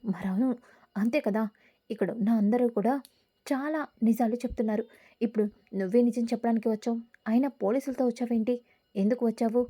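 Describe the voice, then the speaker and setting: A woman's voice: a little high, fairly quick, pauses often, dark tone, natural voice. A woman reading the lines of a bitter, stubborn young husband while recapping a serial episode.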